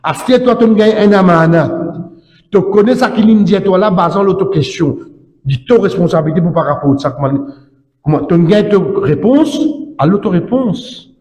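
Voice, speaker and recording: A high-voiced, expressive imam gives an emphatic Islamic sermon at a moderate pace, repeating himself and using tag words often. His tone is a little mellow, and the echoey hall adds long reverb.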